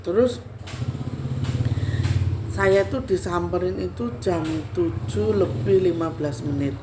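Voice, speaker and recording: Low-voiced Javanese woman telling a story. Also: takes it slowly, background noise. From Central Java, Indonesia. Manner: animated, repetitive storytelling. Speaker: spiritual healer vlogger. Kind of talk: casual storytelling vlog.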